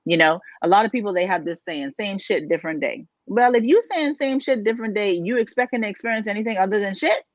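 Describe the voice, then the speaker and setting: A woman's voice: medium pitch, expressive, fast talker, few pauses, no room sound. Emphatic woman coach from the Bahamas. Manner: emphatic, preachy, asks rhetorical questions. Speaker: life coach and podcast co-host. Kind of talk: motivational podcast talk. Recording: dull, dry, lo-fi sound.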